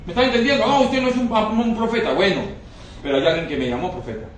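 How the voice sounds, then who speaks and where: High-voiced preacher in an echoey hall. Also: male voice, quick pace. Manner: emphatic, questions the congregation. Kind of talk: sermon. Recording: very echoey hall, mic far off.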